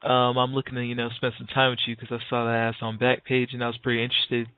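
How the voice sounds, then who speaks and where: Speaking fast and smooth in a completely flat, mid-range voice, a man in his early twenties runs a prank phone call, acting sincere while staying casual, slangy and hesitant. The phone line is narrow and tinny, with no echo.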